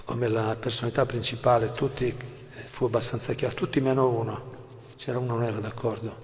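A man giving a devotional lecture, explaining patiently, often asking "no?" and clearing his throat. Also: medium pitch, level tone, brisk, a little mellow, a little hiss or hum. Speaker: religious teacher. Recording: long hall reverb.

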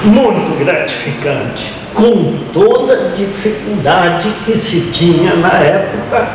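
A man with a southern Brazilian accent telling his story as an interview guest, reflective and halting, pausing mid-phrase. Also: high voice, expressive, noisy background. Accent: southern Brazilian, Rio Grande do Sul. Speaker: interview guest, family farmer. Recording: very echoey hall, distant mic, crowd murmur.

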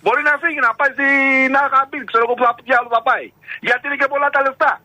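High-pitched forceful Greek man arguing. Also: steady tone, dry recording, rough recording. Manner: argumentative, emphatic, keeps interrupting. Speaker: radio show host. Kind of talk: heated sports radio debate.

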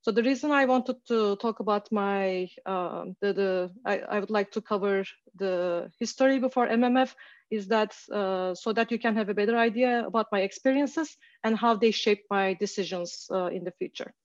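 A woman's voice: mid-range voice, moderate pace, dry recording. Hesitant woman from Turkey, lo-fi call. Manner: hesitant, many fillers and restarts. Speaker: guest speaker. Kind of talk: casual online talk.

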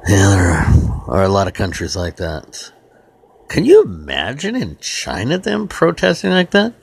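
Low-voiced man hosting a casual show. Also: wildly swooping pitch, measured pace, gravelly, breathy edge. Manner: rambling, with false starts. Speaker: host. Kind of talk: casual chat.

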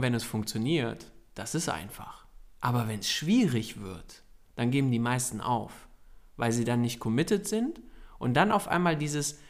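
A young adult man co-hosting a podcast, talking earnestly and urging listeners directly, with frequent fillers. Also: medium pitch. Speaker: podcast co-host. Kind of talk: casual coaching talk.

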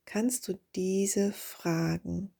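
Slow, soft-spoken woman with a husky voice. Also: mid-range voice, steady tone. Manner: slow, soft and breathy, drifting into whispers on key questions. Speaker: podcast host and coach. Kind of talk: reflective spiritual podcast monologue.

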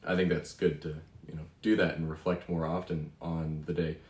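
Very deep-voiced young man, roomy echo. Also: level tone, fairly quick, darkish tone. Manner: reflective, many fillers. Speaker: podcast co-host. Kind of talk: casual faith chat.

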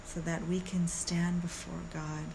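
A woman who teaches meditation guides a mindfulness practice in a soothing, gentle way, with measured pauses, like a calm yoga teacher. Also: lowish voice, background noise. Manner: unhurried, measured, with long pauses.

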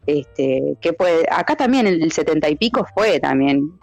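A woman's voice: low-pitched, expressive, moderate pace, creaky, darkish tone, no room sound, faint music behind. A woman with an Argentine accent, a co-host in a casual chat who tells stories in a rambling way. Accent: Argentine Spanish.

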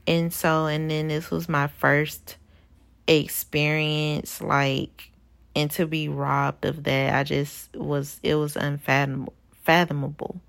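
A woman's voice: low-pitched, little pitch movement, slow, vocal fry. A woman hosting a podcast, telling a personal story in a candid, rambling way with lots of "you know" and "like". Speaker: podcast host.

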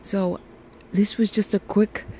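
A woman's voice: medium pitch, little pitch movement, slow pace, mellow, low-quality recording. A woman with a sultry voice hosting a casual solo podcast, speaking in a reassuring way with repeated phrases into a phone at home. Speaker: podcast host. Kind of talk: casual solo podcast monologue, encouraging check-in. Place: room at home with air conditioning running. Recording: air conditioner hum behind voice. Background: faint air conditioning noise.

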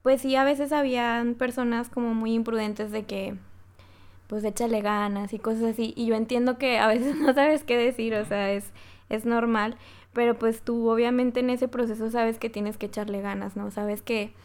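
A woman, in a relaxed conversation. She speaks in a thoughtful, hesitant way, with a voice set a little higher than most women's. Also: moderate pace. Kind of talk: casual conversation.

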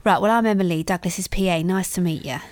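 A woman playing a brisk, practical film-set assistant who talks in a matter-of-fact way. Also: lowish voice, lightly acted. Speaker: production assistant.

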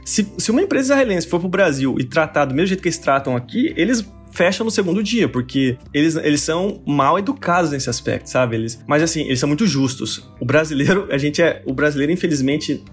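A young Brazilian man with a Brazilian Portuguese accent, telling stories as an interview guest in an animated, expressive way. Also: a little high, fast, few pauses, faint music behind. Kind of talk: casual interview storytelling.

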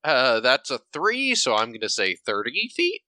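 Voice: medium pitch, huge pitch swings, moderate pace, bright, forceful tone, slight background noise. A tabletop game player casually describing a character's moves at the table.

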